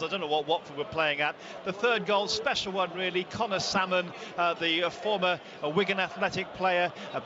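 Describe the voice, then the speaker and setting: A man's voice: sits high, lo-fi sound. A man reporting live from a football stadium, fluent and projecting over the crowd. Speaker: match reporter. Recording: noisy stadium feed. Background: crowd and stadium noise.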